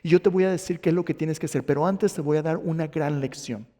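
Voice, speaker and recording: A man's voice: fairly high pitch, fast, dark tone, long reverb tail, close to an everyday voice. A man putting on a stern divine voice. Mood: commanding. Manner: firm, scolding, insistent. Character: stern divine voice rebuking a persecutor.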